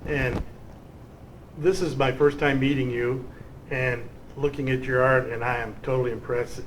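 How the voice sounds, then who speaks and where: A man's voice: mid-range voice, fairly even intonation, moderate pace, a little hiss or hum, rough recording. A man hosting an art showcase, chatting effusively with a guest about her paintings. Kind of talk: casual interview.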